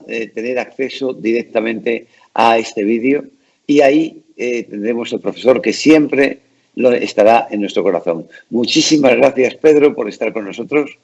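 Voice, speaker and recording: A man's voice: medium pitch, vocal fry, darkish tone, slightly rough, lo-fi sound. A man hosting a conversational interview in a courteous, formal and wordy way. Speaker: interview host.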